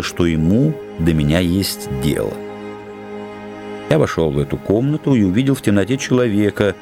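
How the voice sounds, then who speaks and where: A man narrating a classic story as an audiobook, in a measured, unhurried literary reading. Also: low-pitched, a little mellow.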